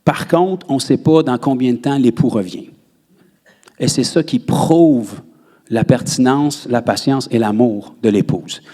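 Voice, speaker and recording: A man with a Québécois French accent, preaching a sermon in a church and jumping up in pitch on words he stresses. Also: unhurried. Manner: animated preaching, rises sharply on emphasized words. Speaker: pastor.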